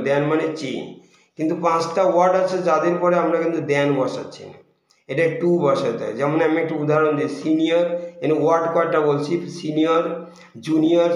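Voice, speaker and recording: A man with a Bengali accent teaching English grammar, repeating examples slowly and patiently. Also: fairly high pitch. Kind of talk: classroom grammar lesson. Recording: very echoey room.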